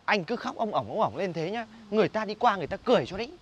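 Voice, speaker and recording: A man's voice: sits high, big pitch swings, rapid-fire, a bit bright, slightly rough, highs cut off, heavily acted. A young man, acting as a chatty coworker who coaxes a crying friend in a comedy short film. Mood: coaxing.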